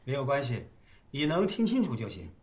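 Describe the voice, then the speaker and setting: An actor playing a cautious male lawyer in a TV drama, explaining a weak case in a measured way. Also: mid-range voice, huge pitch swings, darkish tone. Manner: measured, reasoning, soothing. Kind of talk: TV drama acting.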